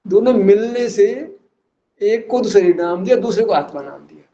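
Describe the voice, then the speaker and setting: A man's voice: sits high, lively intonation, moderate pace, warm tone, muffled recording. A man giving a religious philosophical discourse, teasing his listeners with rhetorical questions and chuckling at his own points. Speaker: religious teacher.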